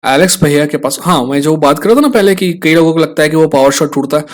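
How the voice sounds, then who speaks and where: A man's voice: on the high side, fast talker. A young Indian man giving a casual fight breakdown, checking in with viewers through frequent tag questions as he talks. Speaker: fight analyst host. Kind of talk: casual explainer talk.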